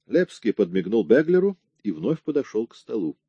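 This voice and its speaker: A man reading a crime novel aloud in a steady storytelling manner. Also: on the low side, normal speed, slightly rough, no echo, muffled recording. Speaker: audiobook reader. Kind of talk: scripted audiobook narration.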